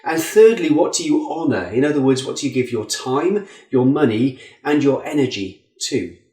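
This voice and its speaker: A man's voice: animated, normal speed, darkish tone. A man giving an earnest Bible teaching talk as a preacher, lifting his voice for emphasis. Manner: earnest, rising in pitch for emphasis. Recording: echoey room.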